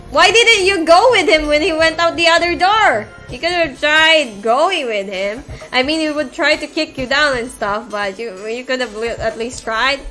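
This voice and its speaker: A woman's voice: high-pitched, normal speed, hardly any pauses, pushed and bright, faint music behind. A woman streamer reading a visual novel aloud, with chatty asides in between.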